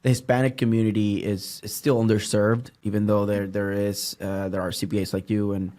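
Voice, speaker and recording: A man with a Puerto Rican accent, a native Spanish speaker, hosting a casual podcast interview and talking haltingly with many restarts and fillers. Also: on the low side, flat delivery, warm tone. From Puerto Rico. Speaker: podcast host.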